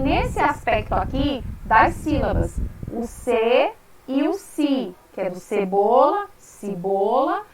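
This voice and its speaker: A woman's voice: sits high, reverberant, distant mic, low-quality recording. A woman teacher giving an online lecture, explaining patiently and checking in with her students.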